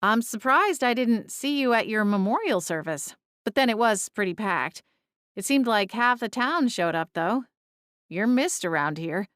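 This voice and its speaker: Gentle, reassuring woman played by a narrator. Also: on the high side, expressive, a little slow, no room sound, clean studio sound, voice pushed up. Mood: gentle, sympathetic. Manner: gentle, conversational. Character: kindly, reassuring woman who talks with ghosts. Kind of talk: audiobook character dialogue.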